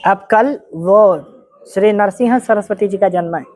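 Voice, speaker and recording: A woman's voice: mid-range voice, unhurried, darkish tone, no room sound, clean studio sound. A woman narrating a devotional story, vividly telling it and asking her listeners questions as she goes.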